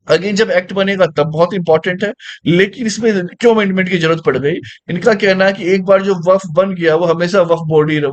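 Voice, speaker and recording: A man's voice: sits high, muffled recording. A man teaching a current affairs lesson in a conversational way, asking listeners rhetorical questions and mixing English phrases into his speech. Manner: mixes English phrases into Hindi; reads English lines slowly. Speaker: exam coaching teacher.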